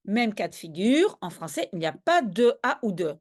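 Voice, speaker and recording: With a mid-range, darkish, very animated voice at a moderate pace, a woman teaches grammar in a video lesson. She is a native Dutch speaker working as a language teacher, proceeding patiently one step at a time and often making sure listeners follow.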